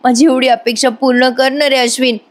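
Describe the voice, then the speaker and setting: A woman's voice: high-pitched, little pitch movement, a little fast, natural voice. A woman voicing a manipulative young woman who cries and pleads, stumbling over repeated words. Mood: tearful pleading.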